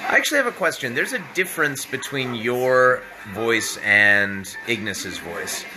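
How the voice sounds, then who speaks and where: A man hosts a casual livestream from his living room while a guest plays, his mid-range voice animated yet unhurried. He's upbeat, laughs often, and keeps asking questions, though the recording quality is rough.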